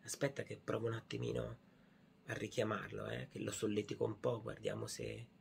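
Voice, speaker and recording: A man doing a playful puppet show for a baby, talking softly in a hushed, coaxing way. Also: on the low side, animated, brisk, vocal fry, a little hiss or hum.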